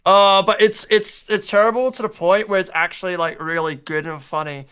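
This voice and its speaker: A man's voice: high-pitched, fairly even intonation, normal speed, fairly bright tone, clean tone. A man calling in to chat, laid-back and hesitant, full of fillers and swearing. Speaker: caller. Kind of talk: casual chat.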